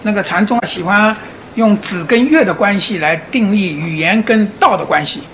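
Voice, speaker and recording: A man giving a public lecture, animated, often asking his audience rhetorical questions and chuckling as he explains. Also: sits high, normal speed, a little hiss or hum. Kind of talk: public lecture on Chinese classics and Zen.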